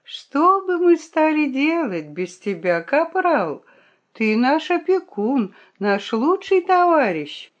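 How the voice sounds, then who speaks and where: A woman's voice: high-pitched, sing-song, slow, dull audio, voice pushed up, full character voice. A woman reading aloud and voicing a sly, languid female fox in a storybook. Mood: tender.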